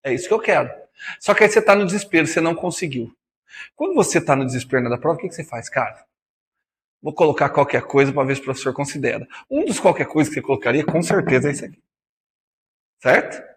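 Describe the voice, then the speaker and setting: A man's voice: fairly high pitch, expressive, fast talker, big-room sound, a little hiss or hum. A man teaching physics in a classroom lecture with a Brazilian Portuguese accent, chatty and teasing, calling students by nicknames.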